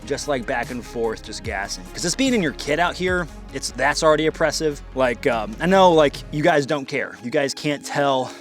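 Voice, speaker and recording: A man's voice: medium pitch, expressive, normal speed, hardly any pauses, faint music behind. A man talking casually and informally to camera as a vlog host, outdoors, with plenty of slang. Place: outdoors in trenches at a shooting range.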